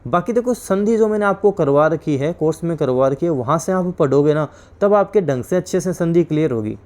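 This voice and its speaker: A man's voice: expressive, a little fast. Repetitive quizzing male teacher. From India. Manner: explanatory, repeats and quizzes students with questions; drops to a low, quiet voice on each corrected word. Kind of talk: recorded exam-prep class.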